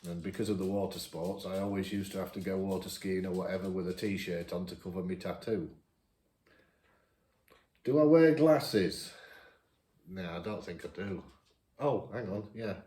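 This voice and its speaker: A man in his fifties with a northern English accent, chatting casually as he answers viewer questions, each read out brighter. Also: low voice, moderate pace, long pauses, reverberant. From England. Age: 50s. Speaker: vlogger. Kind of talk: casual Q&A chat.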